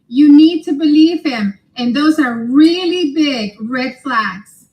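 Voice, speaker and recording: High-pitched woman giving firm, articulate commentary. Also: low-quality recording. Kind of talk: social media commentary, composed monologue.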